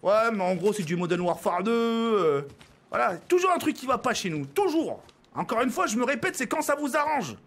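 A man's voice: very high voice, sing-song, normal speed, a bit bright. A man from France streaming a game, ranting at his viewers with exasperation, swearing and stumbling over his words. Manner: exasperated, swearing, stammering restarts.

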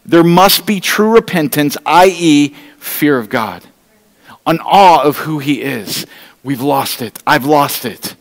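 Slow and lively in intonation, a middle-aged man with a fairly high voice preaches a Sunday sermon from the church stage, pleading earnestly and addressing his congregation directly. The pastor paces with an open Bible, and the large room adds a long church-hall reverb.

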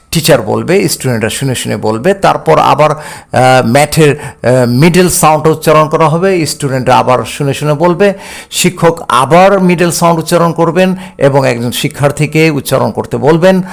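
A male teacher explaining a textbook English lesson, sounding out words slowly and filling pauses with "uh". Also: fairly high pitch, vocal fry. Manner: slow and explanatory with many "uh" fillers.

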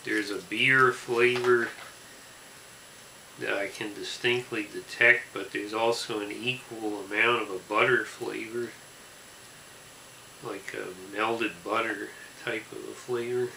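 Deadpan guy doing a snack review, really unhurried, bit of vocal fry, slight hiss. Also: lowish voice, reverberant, low-quality recording. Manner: slow, deadpan, deliberate listing. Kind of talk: deadpan food review to camera. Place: small room indoors with fabric backdrop. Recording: faint hiss in the room.

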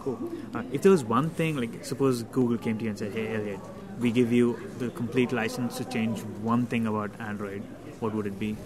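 A relaxed man interviews developers at a busy conference, with crowd chatter all around him. He talks loosely, with plenty of fillers and easy laughs. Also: mid-range voice, fairly quick, hardly any pauses. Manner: easygoing, laughs often, many fillers. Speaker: podcast host interviewing developers. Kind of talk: casual interview.

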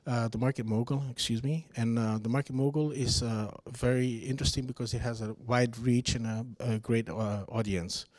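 Casting note: man, founder at a book launch, formal and measured, dry close sound. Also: mid-range voice, fairly even intonation, darkish tone, no room sound. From Greece. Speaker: founder and CEO. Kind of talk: self-introduction at book launch. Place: seminar room. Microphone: handheld mic.

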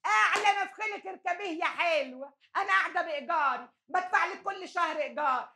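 A woman's voice: very high voice, quick pace, pushed and bright, a little hiss or hum, full character voice. An actress playing a defiant Egyptian mother and tenant in a TV drama. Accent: Egyptian Arabic. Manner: defiant, mocking. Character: defiant gravel-voiced mother standing her ground. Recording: roomy echo.

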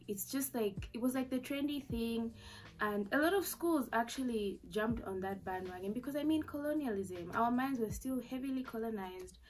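In a low-quality recording, a young woman with a Zambian accent and a medium-pitched, slightly mellow voice vlogs from her small bedroom. She speaks to a camera at desk distance, telling a personal story in a loose, candid way peppered with fillers and asides.

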